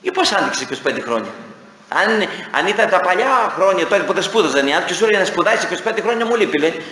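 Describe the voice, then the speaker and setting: A man's voice: high-pitched, sing-song, sharp tone. A man giving an informal parish talk as a priest, chatty and acting out dialogues with laughter, in a church. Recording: echoey church hall.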